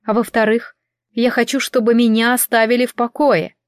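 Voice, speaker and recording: A young witch who answers coolly and firmly, without heat, as a woman narrator puts her on. The voice sits fairly high and is recorded very dry and close, in a storybook reading. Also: moderate pace, dry recording, close to an everyday voice. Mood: cold, firm. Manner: calm, cold, firm. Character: cool, composed young woman, a witch and mother.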